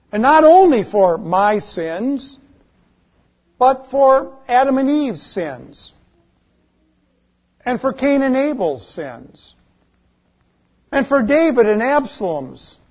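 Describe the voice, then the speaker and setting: A man preaching a sermon as pastor, slow and dramatic, his questions rising and his phrases falling away at the ends. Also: extremely high pitch, breathy edge, highs cut off.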